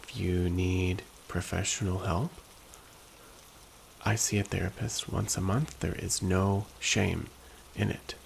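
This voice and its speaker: A man speaking in a slow, soft, hushed and gentle ASMR pep talk style, at times whispery. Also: little pitch movement, a little hiss or hum, rough recording. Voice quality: low, very creaky. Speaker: ASMR host.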